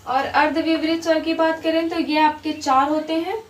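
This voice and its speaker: A woman's voice: high voice, flat delivery, moderate pace. A woman teaching a grammar lesson, explaining patiently and repeating each example while checking that her students follow. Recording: roomy, distant mic with faint background noise.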